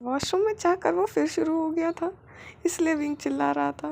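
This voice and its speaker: Brief: woman storyteller reading fan fiction, high pitch, strong vocal fry. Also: steady tone, normal speed, darkish tone.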